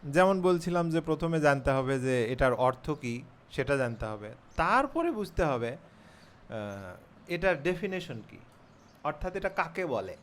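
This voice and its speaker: A man teaching English grammar in a class video, explaining slowly and patiently, spelling words out letter by letter and pausing often with fillers. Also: fairly high pitch, big pitch swings.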